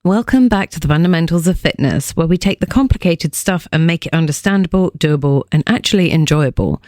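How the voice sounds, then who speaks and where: A woman's voice: deep voice, lively intonation, a little fast, darkish tone, no echo. A woman fitness coach hosting a scripted podcast explainer, delivering punchy lines with playful joking asides.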